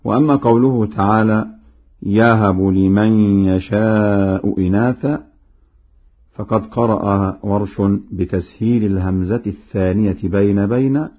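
A man teaching Quran recitation, explaining each reading and then chanting the verse example slowly. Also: on the low side, breathy edge. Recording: narrow phone-like sound.

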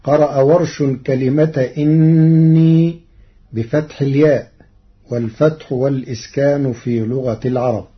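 A man presenting a formal scripted lesson on reading variants, measured and deliberate, slowing to intone the quoted verses. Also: medium pitch, steady tone, breathy edge, lo-fi sound.

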